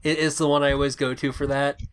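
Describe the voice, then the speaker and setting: A man's voice: mid-range voice, flat delivery, fast talker, slight background noise. Rambling man co-hosting a film podcast. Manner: rambling, with frequent restarts and "like". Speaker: podcast co-host. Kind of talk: casual film discussion.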